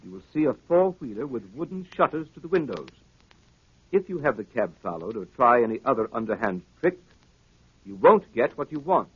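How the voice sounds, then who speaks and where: A man playing a loyal gentleman doctor, husky, measured and earnest, in a 1930s radio drama. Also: mid-range voice, sing-song, no room sound. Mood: reading aloud. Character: loyal gentleman doctor narrating his detective friend's adventures. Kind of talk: 1930s radio acting, scripted narration. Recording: dull vintage 1930s radio recording.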